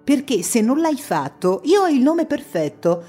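Woman doing a nagging middle-aged mom in an audiobook, firm and coaxing, lower and softer, mellow tone, faint music behind. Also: big pitch swings, unhurried, slightly rough, heavily acted. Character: insistent, nagging middle-aged mother on the phone. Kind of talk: audiobook reading.

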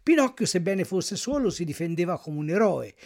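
A man reading a classic children's tale aloud as narrator, in an expressive storytelling manner. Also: sits high, normal speed.

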